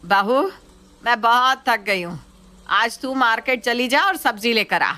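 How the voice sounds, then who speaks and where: A woman's voice: a little high, animated, measured pace, bright, forceful tone. A woman voicing an irritable middle-aged mother-in-law in a nagging, bossy way.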